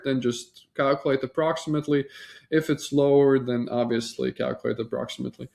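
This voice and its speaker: Man, slight Latvian accent, agency founder walking a client through slides, loose and chatty with plenty of ums. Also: medium pitch. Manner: casual, loose, many fillers and restarts.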